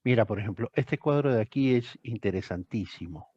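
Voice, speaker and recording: A man's voice: mid-range voice, lively intonation, brisk, a little mellow, breathy edge, dry recording, highs cut off. An older man tutoring a student one on one, emphatic and repeating phrases for stress. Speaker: thesis tutor.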